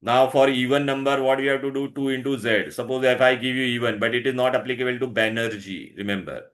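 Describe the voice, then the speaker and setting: A man's voice: mid-range voice, steady tone, fast, a bit bright. A man with an Indian accent teaching a lesson, instructive and repetitive, often stopping to check that pupils follow. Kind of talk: online science lesson, questioning pupils.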